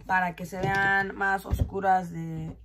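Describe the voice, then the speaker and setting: Filming a get-ready-with-me beauty vlog indoors in a small bedroom, a woman in her 20s chats casually, alternating between English and Spanish. Her medium-pitched voice moves little in pitch and comes at a slow pace over background noise.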